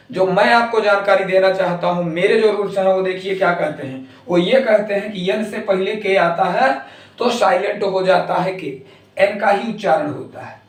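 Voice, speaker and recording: A man explains English spelling in a spoken Hindi lesson, his voice sitting high. He spells words out slowly and deliberately, letter by letter. The sound is roomy and a little distant from the microphone. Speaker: English teacher.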